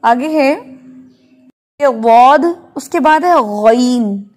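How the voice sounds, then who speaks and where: A woman teaching an online Quran recitation class, slowly drilling letter sounds and checking in often with her students. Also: sits high, darkish tone. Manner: slow, patient, drills letters aloud with frequent check-ins. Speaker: Tajweed teacher.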